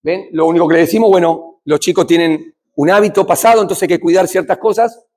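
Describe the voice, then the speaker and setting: A middle-aged Argentine man with a Rioplatense accent gives a talk on addiction in church. His voice sits high for a man and has a husky, breathy grain. He talks to the room like a conversation, asks questions, and moves from loud to hushed. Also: a little fast. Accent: Rioplatense Spanish. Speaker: addiction recovery speaker.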